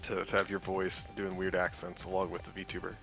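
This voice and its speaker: A young man co-hosting a casual stream, teasing with a deadpan, mock-serious manner. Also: low voice, fairly quick, vocal fry, poor audio. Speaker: stream co-host. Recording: faint music in background.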